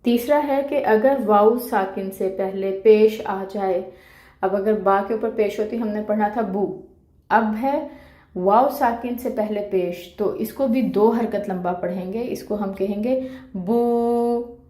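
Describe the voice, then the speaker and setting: In an online lesson, a woman teaches Quran recitation with a medium-pitched, mellow voice and an unhurried pace. She explains patiently and step by step, checking in with "okay" and stretching out the sounds she demonstrates.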